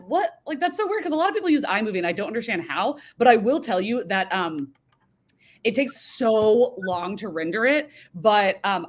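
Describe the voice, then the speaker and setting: A woman speaks as a guest in a casual chat, frank and talkative. Her pitch moves around a great deal as she talks.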